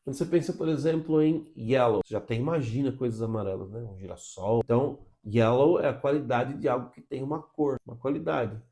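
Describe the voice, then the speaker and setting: A mellow, mid-range male voice belongs to a Brazilian man with a Brazilian Portuguese accent teaching English pronunciation in an explanatory online lesson. Didactic in manner, he keeps checking in with frequent "tá?" and "ok?" tags and asks and answers his own questions.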